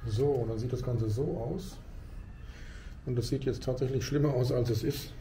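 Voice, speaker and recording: A man's voice: medium pitch, fairly even intonation, normal speed, warm tone. A man casually talking through his motorcycle gear as he rides and works in his garage, explaining things hands-on. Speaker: motovlogger. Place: garage and riding outdoors on a motorcycle. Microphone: helmet camera mic. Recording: road and engine noise.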